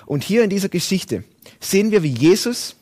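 A man's voice: sits high, very animated, moderate pace, darkish tone. A man preaching a sermon and reading Bible passages aloud, with emphatic, rising and falling delivery.

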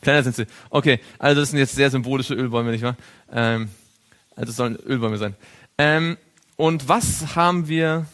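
A man's voice: medium pitch, normal speed, a bit bright. A man teaching a Bible study to a group, drawing on a board as he goes, asking questions and chuckling now and then. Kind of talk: interactive Bible study lesson.

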